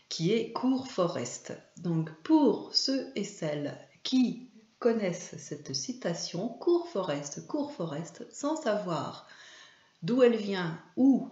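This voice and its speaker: A woman hosting a casual video about films, talking hesitantly with frequent fillers and pauses. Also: on the low side, a little mellow. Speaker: video host and trainer. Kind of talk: casual film commentary to camera. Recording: echoey room, slightly dull sound.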